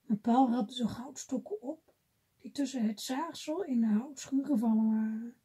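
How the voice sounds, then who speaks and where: Very breathy woman reading a fairy tale. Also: fairly high pitch, moderate pace. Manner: gentle, dropping to a whisper. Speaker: storybook reader.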